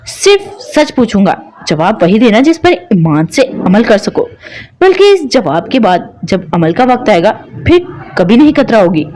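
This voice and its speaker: A woman voicing a teasing, persistent young husband who coaxes with soft, insistent questions. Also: medium pitch, sing-song, measured pace.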